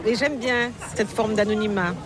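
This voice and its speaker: Being interviewed casually at an outdoor market, a middle-aged novelist from Paris, France, talks in a steady mid-range voice at normal speed. She is reflective and hesitant, often using "euh" and restarting. Crowd chatter and passing vehicles fill the busy outdoor recording.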